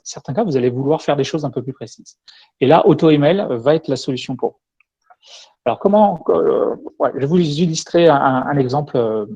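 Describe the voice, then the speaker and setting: Male tech speaker, mid-pitch voice, walks through a live demo step by step. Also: dark tone, breathy edge. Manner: explains step by step while demoing. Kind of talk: conference talk with live demo.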